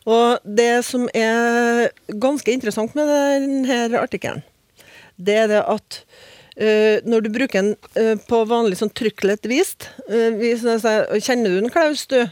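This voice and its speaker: A woman's voice: on the high side, darkish tone, no echo. Woman, language expert on a radio panel, patient explainer, dry studio sound. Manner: patient, explaining with examples, frequent tag questions.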